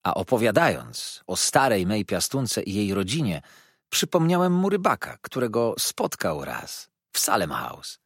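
A man narrating a classic novel as an audiobook, in an expressive, storytelling manner. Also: fairly low pitch, a little slow, husky, dry recording, studio quality. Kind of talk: scripted narration.

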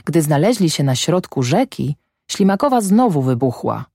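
Measured audiobook narrator, dry sound. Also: male voice, a little high, vocal fry, no echo. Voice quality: measured, even storytelling. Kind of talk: scripted literary narration.

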